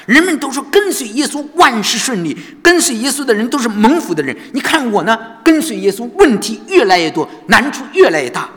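A man's voice: extremely high pitch, very animated, fairly quick, hardly any pauses, a bit bright, voice pushed up, full character voice. A man voicing a despairing imprisoned male preacher who pleads and cries out to God. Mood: anguished. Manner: anguished, pleading. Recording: long church reverb.

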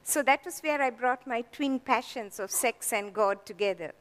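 An older woman from Sri Lanka giving a talk with dry humor, her voice slightly hoarse, laughing at her own jokes. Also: on the high side, moderate pace, big-room sound. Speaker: guest speaker.

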